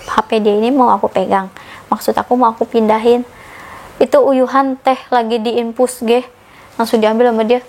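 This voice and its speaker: A young woman, telling her story casually as a podcast guest and acting out the dialogue she quotes. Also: normal speed. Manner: animated, acts out quoted dialogue with sudden pitch jumps.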